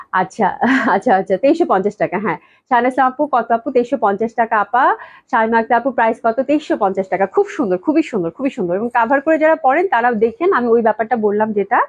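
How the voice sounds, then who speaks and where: A woman with a slightly high voice, a little hoarse from a cold, hosts a live-stream clothing sale, chatting casually, greeting viewers by name, and repeating her praise. The audio has no echo and the highs are cut off.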